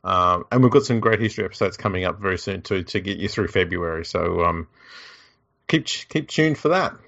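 Laconic Australian man with a lowish drawl. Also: animated, brisk, gravelly, fairly bright tone, muffled recording. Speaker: podcast co-host. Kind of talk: casual podcast chat.

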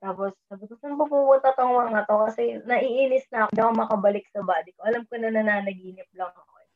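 A woman's voice: on the high side, fast. A woman casually telling a personal story, mixing English into her talk and raising her voice when she quotes herself. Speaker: storyteller sharing a dream experience. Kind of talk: casual chat. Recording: tinny phone-like line.

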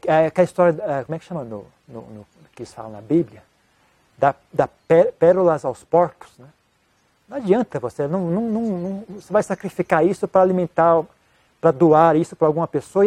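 A man, a monk answering an interview question in a casual, halting way with many restarts. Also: on the high side, mellow, no echo. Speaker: Buddhist monk giving advice.

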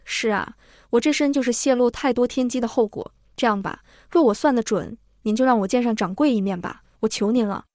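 A worn, humble fortune teller begs and presses with eager questions, as a woman reading the tale puts him on. The voice stays a bit high and meek. The storybook audio is close and dry. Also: a little fast, darkish tone, no room sound, natural voice. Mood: pleading. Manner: pleading, humble.

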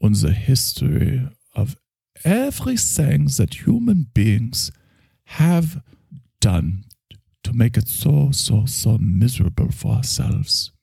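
A man voicing a gentle, solemn psychoanalyst with a slow, soothing, grandiose way of speaking. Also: medium pitch, big pitch swings, creaky, breathy edge, no echo, pitched above the performer's own voice, exaggerated voice. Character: gentle, solemn male German psychoanalyst, middle-aged.

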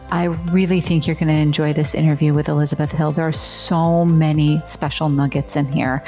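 A woman from the United States speaks in a moderately low voice as a podcast host. She moves between introducing the show and relaxed, conversational interviewing.

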